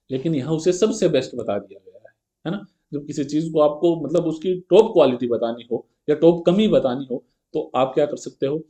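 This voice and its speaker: Guy teaching grammar, keeps checking in, reads examples real slow, kinda high but mellow voice. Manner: explains step by step and keeps checking with a rhetorical "है ना"; reads English example sentences slowly and carefully. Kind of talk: exam-prep grammar lesson.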